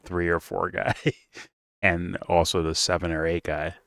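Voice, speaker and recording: A man with a low voice but a bright, forceful edge reacts on a casual show. He swears freely and stumbles into restarts as he thinks aloud. The mic is close and dry. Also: little pitch movement, measured pace, vocal fry, no room sound. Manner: loose, profane, stammering restarts with laughs.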